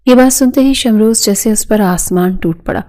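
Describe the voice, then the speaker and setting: A woman reading a romance novel aloud as scripted narration, in a steady, even way. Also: fairly high pitch.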